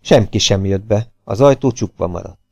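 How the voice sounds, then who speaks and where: A man narrating a novel chapter aloud as an audiobook reader, with expressive storytelling. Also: on the low side, gravelly, no echo, studio quality. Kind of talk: scripted narration.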